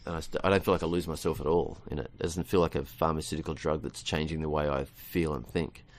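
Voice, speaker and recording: A man's voice: extremely low pitch, fairly even intonation, fast, slight background noise. A middle-aged man, a radio guest, talking in a rambling, casual way with many restarts and frequent laughs, in a studio.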